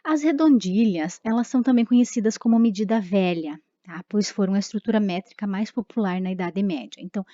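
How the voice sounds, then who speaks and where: A woman's voice: medium pitch, fairly quick, hardly any pauses, mellow, no echo. Woman teaching in a dull recording. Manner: explanatory, many tag questions and fillers. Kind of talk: recorded online lesson.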